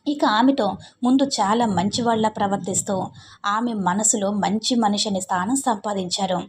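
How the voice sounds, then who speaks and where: A woman's voice: medium pitch, normal speed, a little hiss or hum. A woman narrating a dramatic story, often correcting herself mid-sentence.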